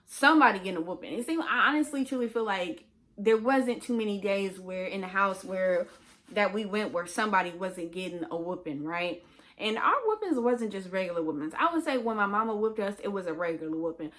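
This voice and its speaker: A woman's voice: medium pitch, animated, a bit bright. Candid woman telling her own story. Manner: halting, with many fillers and restarts; conversational and candid. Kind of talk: personal storytelling monologue.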